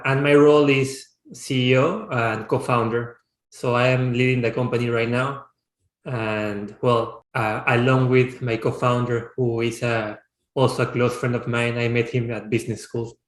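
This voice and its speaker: A thoughtful man in his thirties from Peru talks through his answers in a relaxed interview. He sits at a middle pitch, often stops to rephrase, and the room gives his voice a noticeable echo. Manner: reflective, searching for words with frequent restarts. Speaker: startup founder and CEO. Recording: roomy, echoey sound.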